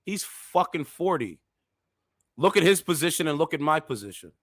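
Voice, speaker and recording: A man's voice: on the high side, big pitch swings, moderate pace, no echo, clean studio sound. Heated man in his thirties lecturing. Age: 30s. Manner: heated, preachy lecturing with sudden outbursts. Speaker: commentary channel host. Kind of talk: reaction commentary.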